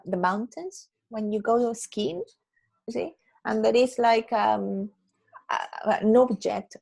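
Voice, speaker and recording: A woman teaching an English class over a video call. She explains patiently, repeats words slowly and keeps checking with "yeah?". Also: on the high side, creaky, a little mellow, slightly rough, low-quality recording. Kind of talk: online English lesson.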